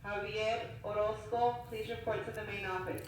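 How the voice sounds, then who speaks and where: Woman's voice over a school PA loudspeaker. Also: fairly even intonation, moderate pace. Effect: heard over a school PA loudspeaker. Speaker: school office announcer. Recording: echoey loudspeaker heard from far off, faint rumble.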